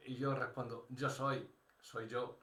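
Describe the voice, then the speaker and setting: A man's voice: medium pitch, level tone, slow, bright, forceful tone, echoey room. An older man with a Spain Spanish accent preaching a sermon as pastor, conversational, thinking aloud with restarts and asides.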